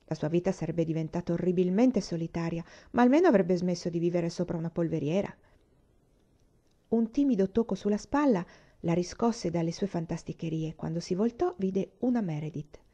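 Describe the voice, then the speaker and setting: A woman narrating a novel aloud in a measured, expressive audiobook reading. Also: lowish voice, lo-fi sound. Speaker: audiobook reader.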